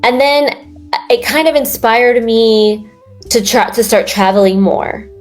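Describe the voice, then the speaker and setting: A woman's voice: fairly high pitch, slow pace, faint music behind. A young woman from New York in a casual interview, talking in a rambling way with lots of fillers and restarts. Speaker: guest.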